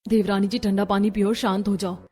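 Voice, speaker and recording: A woman voicing a meek, gentle young daughter-in-law in a cartoon story, speaking politely. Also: mid-range voice, level tone, quick pace, slightly rough, natural voice.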